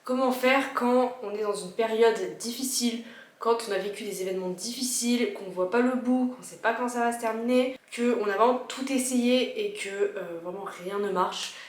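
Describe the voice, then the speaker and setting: A woman's voice: a little high, moderate pace. A woman with a slightly worn voice, explaining personal advice informally and chattily to her viewers. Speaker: video creator giving personal advice. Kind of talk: casual advice vlog, chatty. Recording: roomy echo with music behind.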